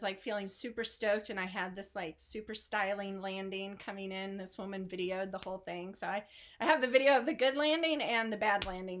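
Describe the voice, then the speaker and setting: A woman's voice: mid-range voice, fairly bright tone. A woman hosting an online group, telling a story in a casual, rambling way full of fillers and small laughs, speaking into a video call microphone from home. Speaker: online art studio host.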